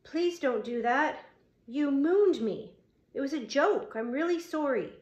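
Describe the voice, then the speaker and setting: A woman reading an audiobook, voicing a frightened but scheming young teenage boy who talks in a squeaky, pleading way. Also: normal speed, highs cut off, natural voice. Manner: squeaky, pleading, playing timid. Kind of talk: audiobook character voice. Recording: roomy echo.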